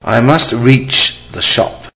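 A man reading a dictation exercise, saying each phrase three times in a measured, deliberate way and speaking the punctuation aloud. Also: medium pitch, vocal fry, pushed and bright, poor audio. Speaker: dictation reader. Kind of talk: slow repeated dictation with spoken punctuation.

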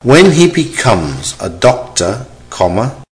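A man reading a dictation exercise, saying each phrase three times in a measured, deliberate way and speaking the punctuation aloud. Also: medium pitch, big pitch swings. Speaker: dictation reader. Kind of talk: slow repeated dictation with spoken punctuation.

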